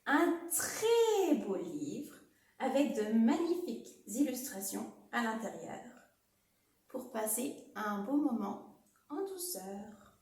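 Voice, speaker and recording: Woman librarian, gentle and soft-spoken, lively pitch, echoey room, mic at a distance. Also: slow pace. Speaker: librarian presenting books. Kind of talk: book recommendation.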